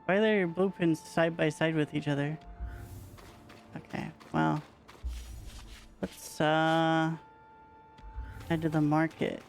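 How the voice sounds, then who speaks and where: Playful high-voiced male game streamer. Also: level tone, slow, creaky, pauses often. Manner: playful, jokey chatter with viewers. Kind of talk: casual live gameplay commentary. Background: game music.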